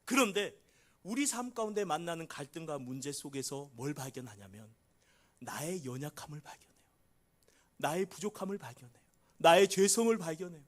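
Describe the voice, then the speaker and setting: A middle-aged man preaching a sermon as pastor, acting out quoted prayers with big shifts from loud cries to hushed pleading. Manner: dramatic, acts out quoted prayers with big swings in pitch and volume.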